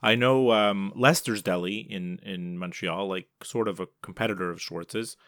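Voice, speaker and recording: A man's voice: deep voice, normal speed, fairly bright tone, no echo, studio quality. A man co-hosting a casual sports podcast, talking loosely with lots of fillers and restarts. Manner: chatty, many fillers and restarts. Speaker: podcast co-host. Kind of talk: casual chat.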